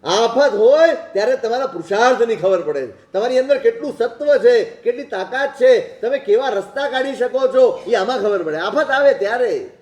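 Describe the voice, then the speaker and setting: A man's voice: extremely high pitch, lively intonation, normal speed, a little mellow. A man preaching a sermon, telling stories and asking rhetorical questions. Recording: echoey hall.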